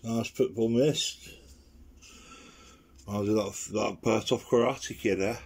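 A fairly low, darkish voice, croaky because of an infection, rambles through a casual watercolour painting demo in a home living room. The man talks slowly and evenly to himself while a camera on the table records him from off-screen.

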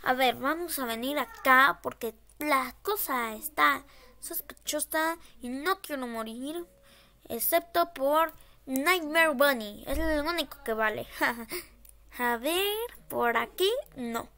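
Scared, high-voiced woman streaming a horror game. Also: slow, sharp tone. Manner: scared, nervous, repeats short phrases. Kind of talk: casual gameplay commentary.

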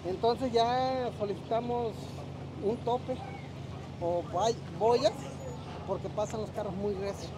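High-voiced Mexican man, halting and colloquial. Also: fairly even intonation, noisy background. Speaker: local resident raising a complaint. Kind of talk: casual spoken request. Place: outdoors beside a street with cars. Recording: busy outdoor street, crowd chatter.

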